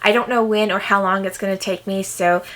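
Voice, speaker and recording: A woman's voice: mid-range voice, fairly even intonation, fairly quick, fairly bright tone. Woman, craft vlogger, rambling home chat to camera in a bedroom setup. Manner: chatty, rambling, with fillers and self-corrections. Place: bedroom set up for filming.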